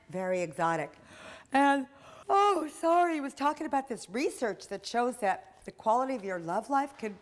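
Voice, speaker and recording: A woman's voice: fairly high pitch, voice pushed up. Woman playing a pushy, teasing office coworker. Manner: loud, teasing, laughs often. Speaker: actress in training skit. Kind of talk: training video role-play.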